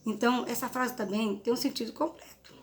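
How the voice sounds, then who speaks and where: A woman's voice: a little high, steady tone, brisk. A woman teaching a grammar lesson, explaining through examples and checking in with frequent tag questions. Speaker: Portuguese teacher.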